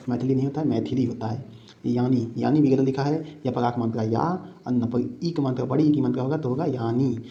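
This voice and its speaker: Dark-voiced male teacher, quizzing students. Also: medium pitch, muffled recording. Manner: repeats words and asks the class rhetorical questions. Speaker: exam-prep teacher. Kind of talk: spelling lesson for exam prep.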